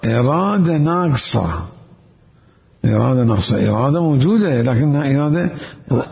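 A man delivers a jurisprudence lecture, repeating his key terms and posing questions to his students. His voice has a gravelly fry to it. The recording is dull and lo-fi, with a long echo from a large hall. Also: mid-range voice, big pitch swings, a little fast, a little mellow. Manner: lecturing with rhetorical questions and emphatic repetition. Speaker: seminary teacher. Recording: echoey hall, dull lo-fi sound.

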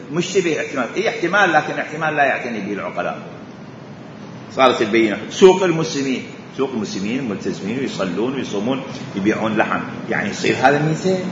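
Animated male lecturer, echoey hall. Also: medium pitch, a little hiss or hum. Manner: animated lecturing with rhetorical questions and repetition. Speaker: religious scholar teaching jurisprudence. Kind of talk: lecture in Islamic jurisprudence. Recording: echoey hall, dull lo-fi sound.

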